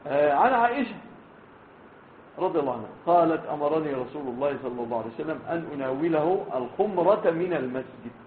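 A man with an Egyptian accent gives a classroom hadith lesson in a fairly high voice. He spells out letters slowly and keeps checking that his students follow. The recording sounds tinny and phone-like, with roomy echo and faint background noise. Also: expressive. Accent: Egyptian Arabic. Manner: checks on students with frequent questions. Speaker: sheikh teaching hadith. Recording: echoey room over a tinny phone-like line.

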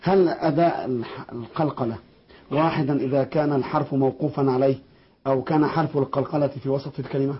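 A man hosting a lesson, politely asking the teacher quick questions. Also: medium pitch, fairly even intonation, muffled recording. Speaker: program host asking questions. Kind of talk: studio interview.

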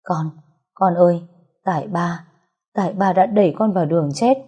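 A woman's voice: on the low side, moderate pace, mellow, breathy edge, highs cut off. A woman voicing an older male general and father, angry and weeping.

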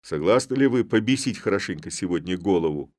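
Cocky young Cossack lad read by a man, mocking and rousing, raised and loud, lively swings, dry sound. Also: deep voice, fairly quick, no echo. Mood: rabble-rousing.

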